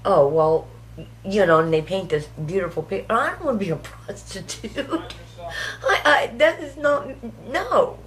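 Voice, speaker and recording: A woman's voice: medium pitch, lively intonation, measured pace, fairly bright tone. A woman telling her story in a documentary interview, talking in a chatty way and acting out what others said to her.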